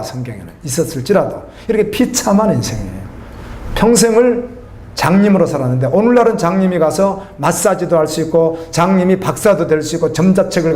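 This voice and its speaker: In a church, this middle-aged man delivers a sermon in a talky style, asking his listeners questions. The voice is high with a darkish tone, and the sound is roomy.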